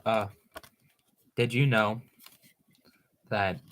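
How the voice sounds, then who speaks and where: A young man from Maryland streaming live from a room at home, talking fast and rambling excitably in casual chat into a computer microphone. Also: on the low side.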